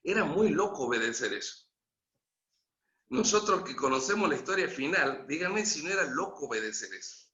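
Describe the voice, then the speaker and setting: Argentine male preacher, storytelling sermon, humorous and lively, high voice, echoey church hall, dull lo-fi sound. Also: normal speed. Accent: Argentine Spanish.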